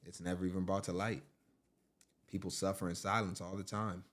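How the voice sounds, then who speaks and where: Low-voiced chatty man streaming. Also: level tone, a little fast, fairly bright tone. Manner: chatty, addresses viewers as family. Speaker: livestream host. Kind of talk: casual crime-news stream commentary.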